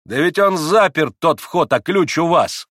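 A man voicing an angry, sharp-tongued young man who shouts at his father, in an audiobook. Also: a little high, lively intonation, measured pace, no room sound, studio quality, voice pushed up.

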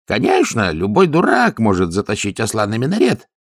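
A man voicing an excitable male city guard who explains things eagerly. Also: fairly low pitch, moderate pace, no room sound, clean studio sound, voice pushed up, heavily acted.

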